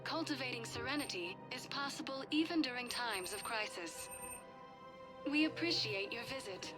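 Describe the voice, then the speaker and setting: An actress voicing a courteous female store kiosk announcer reading smooth advertisement announcements in a game. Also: on the high side, animated, normal speed, music in the background, lightly acted.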